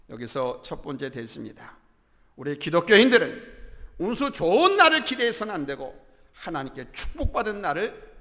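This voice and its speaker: Lively gravelly Korean pastor preaching. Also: male voice, high-pitched. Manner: animated storytelling, voicing characters in the tale. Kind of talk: sermon. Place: church sanctuary. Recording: echoey church hall.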